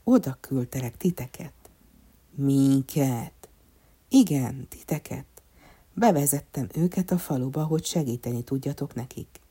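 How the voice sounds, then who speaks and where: A woman voicing a calm, patient old craftsman in a storybook reading, speaking gently and unhurried. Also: extremely low pitch, husky, full character voice.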